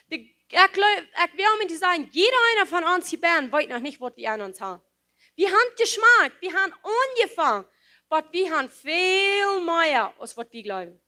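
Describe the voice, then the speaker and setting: High, bright-voiced woman preaching. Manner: impassioned, emphatic preaching with repeated phrases; mixes English words into her speech. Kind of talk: sermon.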